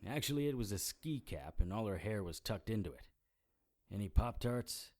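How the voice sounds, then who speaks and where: A hardboiled detective from an audio drama, wry and deadpan even when things get bloody, played by an actor. He narrates in a lowish voice with dry humor. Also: moderate pace, lightly acted. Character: dry-witted male private investigator narrator. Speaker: narrator and lead character.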